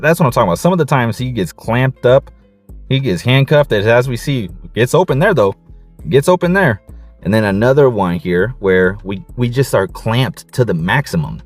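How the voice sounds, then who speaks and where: A man coaching and breaking down football game film, excited, casual, and repeating his catchphrases. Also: medium pitch, normal speed, dry recording, faint music behind.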